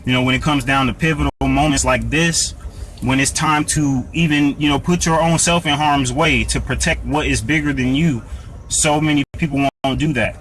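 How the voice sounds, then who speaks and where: A man's voice: fairly high pitch, normal speed, a bit bright, a little hiss or hum, low-quality recording. An American man hosting a live Q&A, answering viewer comments in an earnest, preachy way, often restarting and repeating words. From United States. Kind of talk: live Q&A talk.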